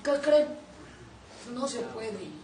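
A woman with a Mexican accent giving a blunt, profane testimony as a recovery group sponsor, often breaking into shouts. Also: on the high side, sing-song, extremely slow, a crowd in the background. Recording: echoey room, distant mic, faint noise.

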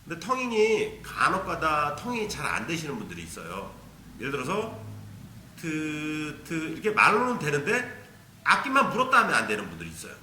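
A man's voice: on the high side, huge pitch swings, fairly quick, bright, forceful tone, reverberant, a little hiss or hum. A man teaching a beginner ocarina lesson, patiently explaining and demonstrating tonguing syllables aloud. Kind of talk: instructional video lesson.

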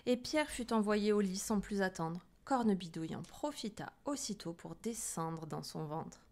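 A woman telling a children's story aloud in an expressive, theatrical way. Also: mid-range voice, normal speed. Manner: lively, theatrical.

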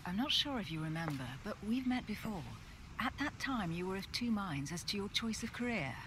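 An actress playing a composed aristocratic duchess in a game, measured and refined. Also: female voice, mid-range voice, expressive, lightly acted. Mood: inquiring. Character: poised aristocratic woman, a duchess, probing and composed. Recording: noisy game audio.

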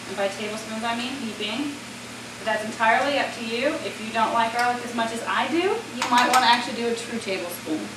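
An American cooking show host and chef with a higher-pitched voice talks fairly quickly, chatty and instructive, addressing viewers directly during a casual demonstration at the stove in a home-style kitchen. The mic is distant and the room roomy, with loud kitchen noise from a sizzling pan, clattering pots and stirring.

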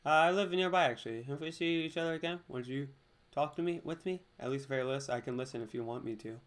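A man's voice: on the high side, quick pace, natural voice. Man reading David, a kind caring grown man. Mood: earnest. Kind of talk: reading game dialogue aloud.

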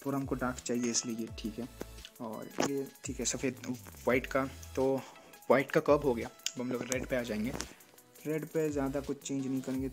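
A man walks through photo edits in a quick, casual tutorial, talking fast in a flat, even tone. He keeps checking in with the listener as he goes, with soft music playing underneath. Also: mid-range voice. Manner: explains step by step, often checks in with "theek hai na". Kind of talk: casual screen-recorded tutorial.

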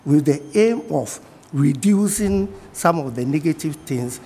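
Guesting on a TV studio interview, this middle-aged Ghanaian-accented man from the fishing industry has a slightly high, warm, animated voice. He stays measured and repeats his key points, and the audio carries a large-hall sound with a little hiss or hum.

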